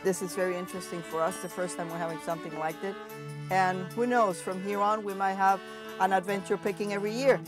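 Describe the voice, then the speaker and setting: A woman's voice: mid-range voice, little pitch movement, quick pace, poor audio. A woman speaking as a farm host, explaining things in slightly non-native English phrasing. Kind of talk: explanatory interview and welcome talk. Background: guitar music.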